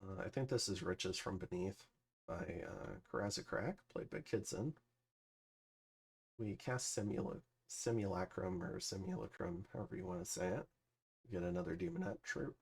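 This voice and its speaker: A man's voice: deep voice, animated, normal speed, creaky, breathy edge. A man casually commentating over his strategy game turns, thinking aloud with plenty of fillers. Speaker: gameplay commentator. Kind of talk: casual let's-play commentary.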